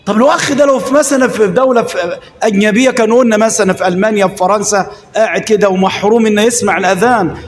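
Egyptian sheikh, high-pitched and lively, preaching in a reverberant hall. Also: male voice, a little hiss or hum. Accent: Egyptian Arabic. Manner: lively, shifts between slow recitation and rapid colloquial asides, calls on the audience. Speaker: sheikh teaching Islamic jurisprudence. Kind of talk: Egyptian colloquial lesson-sermon. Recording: echoey hall with long reverb.

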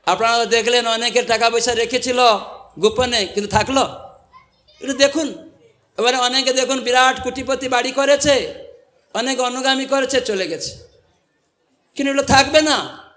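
A monk preaching a devotional sermon to a live audience, asking it rhetorical questions and quoting scripture. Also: male voice, very high-pitched, normal speed, long pauses, a bit bright.

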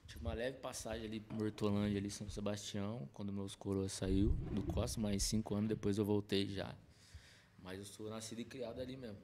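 A man, telling his story as a podcast guest in a relaxed, slangy way, recorded on a desk mic in a small studio. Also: on the low side, brisk, background noise. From Campinas, Brazil. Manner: relaxed slangy storytelling, many fillers and self-corrections. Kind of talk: casual storytelling interview. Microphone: desk mic on stand.

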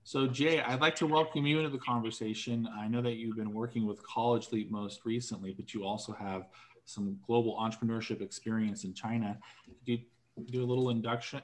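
A man moderating a recorded online panel, measured and with frequent fillers, over a video call. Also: medium pitch, steady tone. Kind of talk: webinar moderation.

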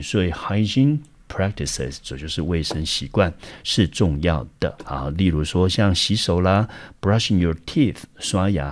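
A man from Taiwan with a very deep, low-pitched voice, walking students through an English word. He explains patiently and step by step, pausing on each point before he moves on. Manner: patient explaining, frequent "好" to pace steps. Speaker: English teacher. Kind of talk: vocabulary lesson.

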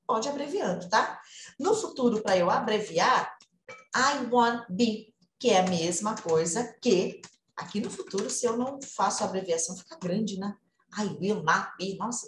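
A woman English teacher giving a casual online lesson, lively and chatty, swinging between explanations and example phrases. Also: medium pitch, reverberant, a little hiss or hum.

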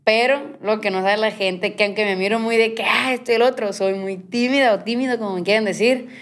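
A woman's voice: medium pitch, steady tone, a little fast. A woman in her late teens with a Sinaloa Mexican accent, talking casually and jokingly as a podcast guest. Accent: Sinaloa Mexican Spanish. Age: young adult. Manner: laid-back, joking, slangy. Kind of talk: casual chat.

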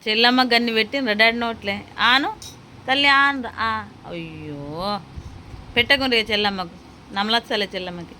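A mother in her thirties with a Telangana Telugu accent talks to her children in a casual home vlog, asking question after question in a coaxing way and then softly explaining what she is cooking. Her voice sits a bit high and sounds bright and sharp. A faint hiss of noise runs underneath. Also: fast talker. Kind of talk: casual family vlog chat. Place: home kitchen.

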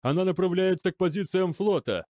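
A man voicing a frantic, yelling bridge officer. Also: fairly quick, no echo, studio quality, natural voice. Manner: yells reports, high-pitched.

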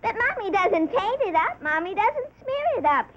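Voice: very high-pitched, big pitch swings, moderate pace, fairly bright tone, exaggerated voice. A performer voicing a chipper little girl reciting simply in a singsong way for a 1950s commercial. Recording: noisy, dull old TV commercial audio.

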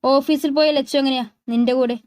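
A woman's voice: sits high, steady tone, a little fast, darkish tone, dry recording, natural voice. A woman voicing an affectionate young man who teases and then turns serious and protective, read as part of a narrated love story.

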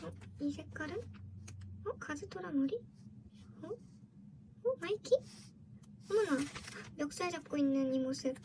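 A woman with a high voice talks through an unboxing in casual vlog style. Her manner is girlish and gushing, like an excitable fan reacting to collectibles. There is clear background noise in the recording. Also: unhurried, long pauses. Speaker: vlogger opening collectible merchandise.

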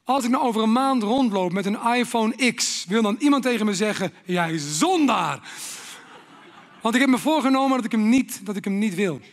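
A man's voice: very high voice, fast talker, few pauses, long reverb tail. A Dutch man preaching a sermon, dramatic, acting out inner voices and dropping to whispers.

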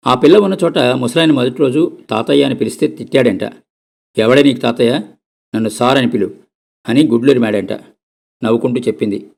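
Gravelly male storyteller. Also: medium pitch. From Andhra Pradesh. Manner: steady, conversational narration. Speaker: narrator. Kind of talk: storybook reading.

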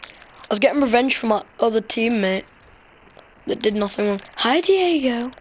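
Excitable Yorkshire woman commentating gameplay. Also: normal speed, a little hiss or hum. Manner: excitable, bursts into shrill outcries. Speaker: gaming commentator.

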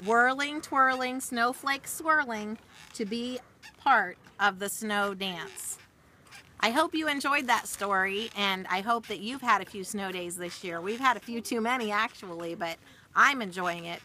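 Reading a rhyming picture book to children with casual asides, a middle-aged woman speaks at a slightly slow pace in a medium-pitched, sharp-toned voice. She's outdoors in a snowy backyard, recorded on phone video from a short distance, with faint background noise.

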